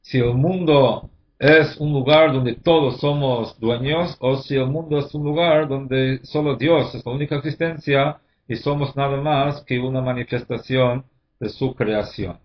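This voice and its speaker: A man teaching a religious lesson as a rabbi, explaining at a measured pace and pausing often to find his words. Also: mid-range voice, fairly even intonation, a little hiss or hum. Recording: dull lo-fi recording.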